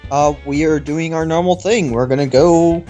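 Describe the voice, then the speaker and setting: A man co-hosting a let's play, chatting casually in a halting, agreeable, self-deprecating way. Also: on the high side, dark tone, highs cut off, faint music behind. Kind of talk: casual gameplay chat.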